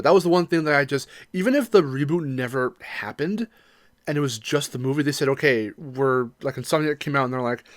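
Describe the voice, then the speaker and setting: A man with a slightly high voice co-hosts a podcast, chatting casually and enthusiastically about games and movies. The recording is dry and studio quality.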